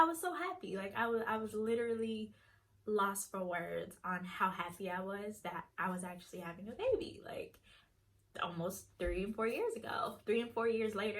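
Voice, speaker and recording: A woman's voice: medium pitch, sharp tone. A young woman vlogger chatting casually, retelling a story and acting out each person's lines. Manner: chatty, acts out quoted dialogue.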